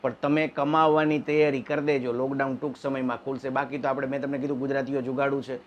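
A man telling jokes in an animated stand-up comedy monologue. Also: fast talker, slight background noise. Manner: animated storytelling, wife voices in high falsetto. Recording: dull lo-fi sound.

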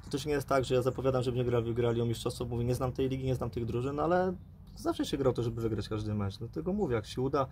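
Fast-talking football coach, many fillers. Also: male voice, mid-range voice, a little mellow, slight background noise. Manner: fast, repeats "mówię" and "no", hedging. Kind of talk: post-match interview. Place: outdoors by a pitch, under a dugout shelter.

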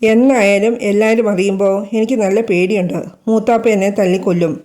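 A woman's voice: mid-range voice, steady tone, brisk, dark tone, natural voice. A woman voicing an anxious, loving young female student in an audio storybook, earnest and emotional. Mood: worried.

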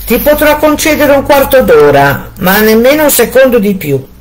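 A woman voicing a cruel, furious husband who shouts his threats slowly and heavily. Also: on the high side, sing-song, voice pushed up. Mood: cold. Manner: shouting threats, slow and heavy.

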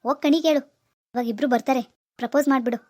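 A woman's voice: high voice, fairly even intonation, quick pace, a little mellow, no echo, clean studio sound. A woman voicing a cocky young village man in a cartoon, pushy and know-it-all. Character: cocky young man giving love advice. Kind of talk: cartoon dialogue.

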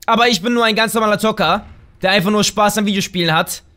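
A man with a bright, sharp voice talks viewers through his gameplay as a let's play host. He is chatty and excitable, and often bursts into loud shouts and exclamations. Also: high voice, fast. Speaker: gaming channel host.

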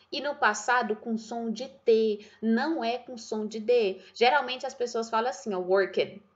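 A woman's voice: fairly high pitch, fairly bright tone, highs cut off. Upbeat Brazilian woman teaching English. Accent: Brazilian Portuguese. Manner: upbeat, slows down to model pronunciation. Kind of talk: online English lesson. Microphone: webcam or desk mic with screen share.

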